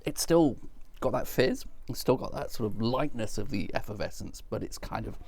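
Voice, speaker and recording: A man's voice: mid-range voice, normal speed, a little mellow, a little hiss or hum. A man giving casual, sommelier-like wine tasting commentary in a thoughtful, descriptive way. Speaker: wine reviewer.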